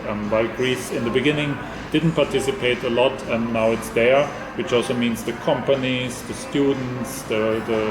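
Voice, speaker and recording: A man giving formal interview answers as an institute director, measured and full of ums and restarts. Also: medium pitch, roomy sound, heavy background noise. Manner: measured, flat delivery with frequent ums and restarts.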